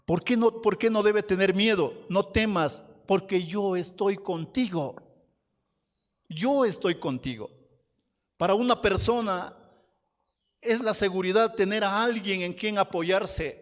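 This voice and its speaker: A man preaching a sermon as pastor, slow and emphatic, asking the congregation questions. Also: high voice, big-room sound. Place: church hall.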